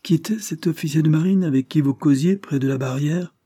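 A man reading aloud who voices a sharp-tongued, gossiping French lady's maid in a raised, mocking voice. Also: on the high side, brisk, no room sound, clean studio sound, pitched above the performer's own voice, close to an everyday voice. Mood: scolding. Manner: tart, mocking.

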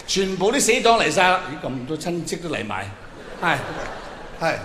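On a big arena stage, this Cantonese comic from Hong Kong talks at a moderate pace with a high-leaning, sing-song, pushed and bright voice. He chats colloquially and quizzes the huge audience directly, all through a noisy, reverberant arena PA.

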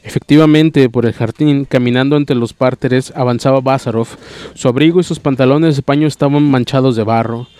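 A man reading a novel aloud at a steady pace, sometimes stumbling and restarting a word. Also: medium pitch, fairly quick, dry recording. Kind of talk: audiobook reading, plain voices for characters.

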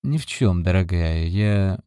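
A tense grown man in an audiobook who keeps himself in check, voiced by a man. His delivery is slow and low in a dry, close recording. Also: lively intonation, mellow, clean tone, dry recording. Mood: restrained. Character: middle-aged man, tense stepfather figure. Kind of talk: audiobook character voice.

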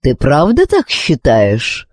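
A woman voicing a calm, wise male sorcerer who speaks unhurriedly with gentle irony. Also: deep voice, slow pace, breathy edge, no room sound, studio quality, exaggerated voice.

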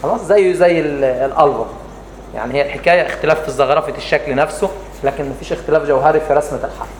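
An Egyptian man teaches in a brisk, slightly raised voice, patiently walking the class through each point and asking it questions. He is recorded in an echoey room with faint noise behind him. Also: a little high. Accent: Egyptian Arabic. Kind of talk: explanatory lesson.

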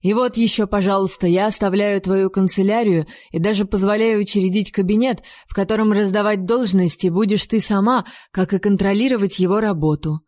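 A woman's voice: mid-range voice, fairly even intonation, brisk, few pauses, darkish tone, no echo, studio quality, natural voice. A woman voicing an exasperated male king who snaps curt commands and bursts into theatrical outrage. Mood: stern.

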